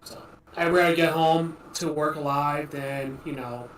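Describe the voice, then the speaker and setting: A man hosting a livestream in casual chat, rambling and filling every pause with "you know". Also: fairly high pitch, steady tone, fairly bright tone, slight background noise. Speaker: livestream host. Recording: echoey room, mic at a distance.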